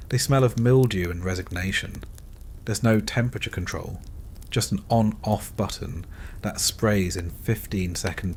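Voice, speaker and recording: A man narrating a scripted bedtime story in a calm, dryly wry second-person voice. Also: lowish voice, a little hiss or hum.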